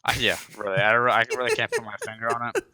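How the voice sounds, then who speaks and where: A man's voice: mid-range voice, wildly swooping pitch, fast talker, a crowd in the background. A young man hosting a live podcast, chatting casually about football with many hesitations and restarts. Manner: rambling, hesitant, stops and restarts. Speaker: podcast host. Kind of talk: casual sports chat. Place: home, live online podcast.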